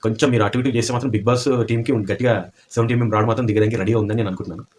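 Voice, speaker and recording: A man's voice: lowish voice, steady tone, very fast, very noisy. A man giving opinionated commentary, asking pointed rhetorical questions.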